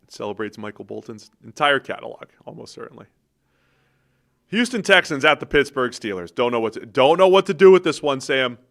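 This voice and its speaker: A man co-hosting a casual football podcast, trading quick banter and introducing the games. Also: mid-range voice, expressive, vocal fry, fairly bright tone. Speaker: podcast co-host, football analyst. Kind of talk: casual sports podcast chat.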